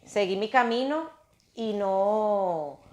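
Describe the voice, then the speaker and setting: Woman, casual storytelling, animated, repeats and restarts phrases, middle pitch. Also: slow pace. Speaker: podcast host telling a personal story. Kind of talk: casual personal storytelling to listeners.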